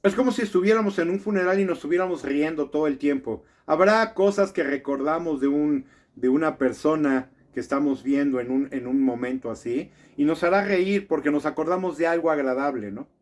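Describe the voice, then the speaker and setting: A man's voice: a little high, fairly quick, few pauses, darkish tone. A man giving an indignant political commentary monologue, full of rhetorical questions and frequent tag questions. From Mexico.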